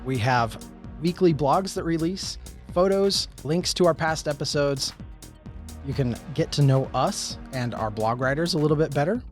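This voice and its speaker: A man hosting a board game podcast, reading announcements in a casual, lively way. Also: a little high, normal speed, faint music behind. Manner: lively, laughing easily. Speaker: podcast host.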